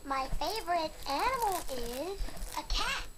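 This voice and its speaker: A performer voicing a cute, affectionate young toy bear in sweet, slow, simple phrases, played through a small toy speaker. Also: sing-song, heavily acted. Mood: affectionate, playful. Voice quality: childlike, high-pitched. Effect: played through a toy's small speaker. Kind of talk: scripted interactive toy phrases for babies. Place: indoors at home, toy on a bed. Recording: noisy home camera recording of toy speaker.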